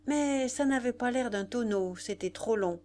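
A woman reading a classic novel aloud as an audiobook narrator, in a measured, expressive way. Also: a little high.

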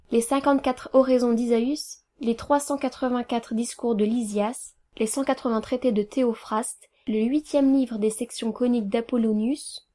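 A woman reading a satirical tale aloud in a brisk, ironic storytelling manner. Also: a little high, dark tone. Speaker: reader.

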